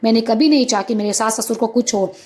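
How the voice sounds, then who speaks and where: An anxious young daughter-in-law from a spoken story, as a woman narrator puts her on. She talks in a fearful rush, her voice a bit high. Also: quick pace, darkish tone, natural voice. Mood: frightened. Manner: anxious, tearful.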